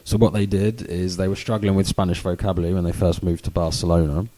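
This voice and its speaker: A man's voice: deep voice, flat delivery, fast talker, dark tone. A British man with a chavvy accent, chatting casually and informally as a co-host explaining things, in a rambling way. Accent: British, self-described chavvy. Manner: informal and rambling, many "you know"s. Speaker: podcast co-host. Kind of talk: casual educational chat.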